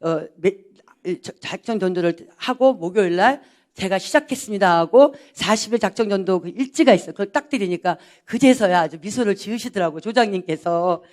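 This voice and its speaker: A pastor's wife giving a personal testimony, telling her story in a lively way and acting out the dialogue. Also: mid-range voice, brisk. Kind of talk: personal testimony to a church audience.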